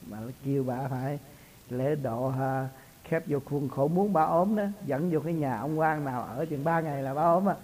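A man's voice: a little high, normal speed, darkish tone, a little hiss or hum, poor audio. A man, a spiritual teacher talking casually in a folksy, storytelling way and laughing often. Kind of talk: casual religious talk.

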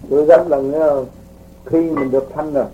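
A man teaching spiritual practice in a relaxed, folksy way, explaining with homely examples to his students. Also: on the high side, a little fast, muffled recording, a little hiss or hum. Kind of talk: casual spiritual teaching talk.

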